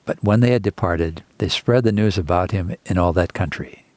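Man, podcast co-host, somewhat low voice, steady reading, dry close mic. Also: moderate pace, dry recording. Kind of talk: conversation and scripture reading.

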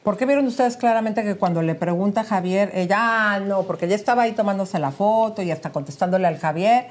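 A woman's voice: mid-range voice, quick pace, darkish tone. A woman co-hosting a gossip show, chatting affectionately with her co-host. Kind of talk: casual chat.

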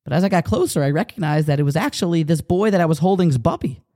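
A man telling a religious parable in an earnest, measured way, with dramatic pauses. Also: on the high side, mellow. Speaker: storyteller. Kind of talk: storytelling a parable.

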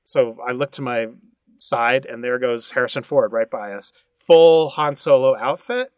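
A man's voice, close and dry with no room sound, recounts a story as a podcast guest. He speaks at a medium pitch. His pace is unhurried and filled with small hesitations. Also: smooth, no echo. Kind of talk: casual anecdote telling.

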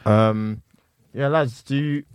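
A man with a London accent hosts a relaxed, informal interview. His pitch is average and the sound is dry. He talks reflectively, with some slang. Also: takes it slowly, smooth, no room sound. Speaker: interview host. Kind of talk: casual chat.

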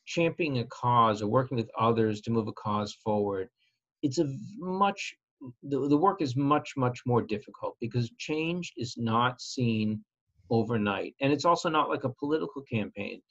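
A man's voice: mid-range voice, expressive, a bit bright. Earnest man, slightly dull recording. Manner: earnest, measured, repeats opening words. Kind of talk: conversational interview.

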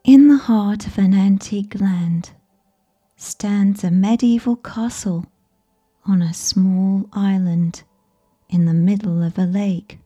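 A woman narrating a bedtime sleep story in a soft, soothing, whispery ASMR voice, breathy and right in the listener's ear. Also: medium pitch, fairly even intonation. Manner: slow, soothing, gentle.

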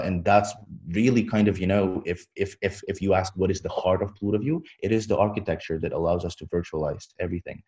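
A man talking like a tech bro as he pitches his startup in a podcast interview, halting and repeating words, on dull lo-fi audio. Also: dark tone. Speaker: startup founder, interview guest.

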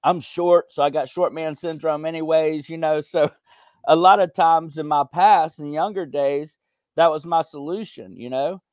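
A man's voice: a little high, steady tone, moderate pace, no room sound, studio quality. A young man being interviewed as a podcast guest, talking in an earnest, reflective way with lots of "you know.". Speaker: podcast guest, veteran and content creator. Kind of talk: candid conversational interview.

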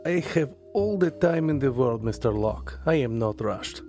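An actor playing a stubborn Russian mobster under interrogation, with a Russian accent and slow, menacing broken English. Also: male voice, medium pitch, animated, darkish tone, soft background music, natural voice. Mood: smug. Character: gruff Russian male mobster prisoner, smug and stubborn. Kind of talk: audio drama acting.

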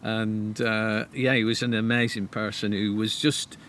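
A man's voice: fairly low pitch, little pitch movement, unhurried, fairly bright tone, a little hiss or hum. A man, a tree expert, telling stories eagerly with frequent restarts. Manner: enthusiastic, stammering restarts. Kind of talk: casual conversation.

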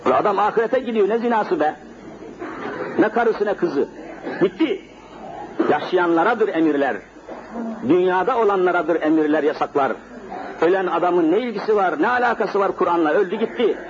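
A man's voice: sits high, moderate pace, long pauses. A middle-aged male preacher giving a sermon in a mosque, telling a story vividly and speaking directly to his congregation. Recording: dull lo-fi sermon recording, faint noise.

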